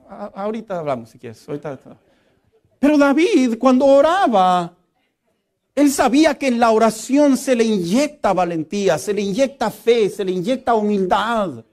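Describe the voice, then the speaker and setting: A middle-aged male pastor, preaching a lively, humorous sermon and acting out quotes. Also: extremely high pitch.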